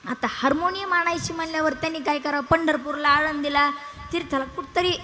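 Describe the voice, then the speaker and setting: A young woman from Maharashtra with a rural Marathwada accent, telling a comic devotional story as a kirtan preacher and acting out village characters in quick dialogue. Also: high-pitched, bright, forceful tone, slight background noise. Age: young adult. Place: live kirtan gathering. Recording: long hall reverb from a live stage.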